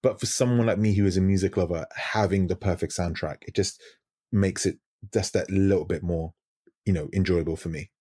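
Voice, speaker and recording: A man's voice: sits low, fairly even intonation, brisk, mellow, slightly rough, no echo, clean studio sound. A man in his thirties, a guest DJ, talking in a casual podcast interview over a video call, reflective and searching for words. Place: home room with lit wall.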